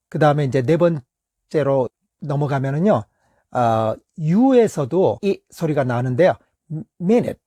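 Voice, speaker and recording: A middle-aged man teaching English vowel pronunciation in a patient, step-by-step way, pausing often and stretching out example words. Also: a little high, dry recording, studio quality. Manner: patient, steady explaining with many pauses and fillers; reads words slowly and stretches them as examples. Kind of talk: explanatory lesson.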